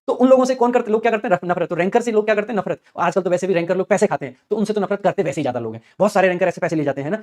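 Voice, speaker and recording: Fast-talking male teacher. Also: high-pitched, darkish tone. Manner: fast, chatty, repeats key words in chanting rhythm. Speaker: English vocabulary teacher. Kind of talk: exam-prep vocabulary lesson with memory tricks.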